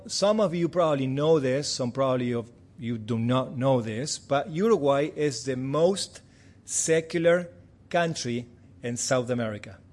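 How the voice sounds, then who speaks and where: Giving a church a friendly missions report, this Argentine man in his forties keeps things chatty and makes light self-deprecating jokes. He speaks with a medium pitch and an Argentine Spanish accent, being a native Spanish speaker.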